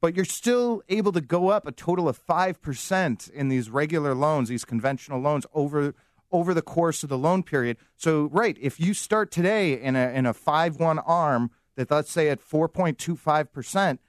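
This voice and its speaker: A man's voice: fairly high pitch, moderate pace, dry recording, clean studio sound. A man, a mortgage guest confidently explaining loans on a radio show.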